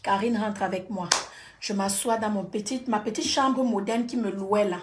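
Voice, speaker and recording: A woman's voice: mid-range voice, steady tone, moderate pace, background noise. A woman telling a personal story on a livestream, dramatic and repetitive, talking straight to her audience.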